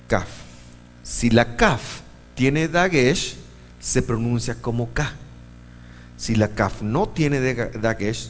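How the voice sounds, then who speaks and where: A man's voice: on the low side, in a large hall, a little hiss or hum. A man teaching a church Bible class, explaining step by step and quizzing his listeners. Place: church meeting room.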